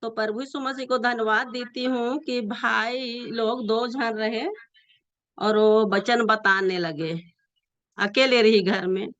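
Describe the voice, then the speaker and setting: Older woman, non-native Hindi speaker, church testimony, halting and repetitive, very slow, dull lo-fi sound. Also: a little high, steady tone, a bit bright, dry recording. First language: not Hindi. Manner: halting, repetitive, earnest storytelling. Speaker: church member giving testimony.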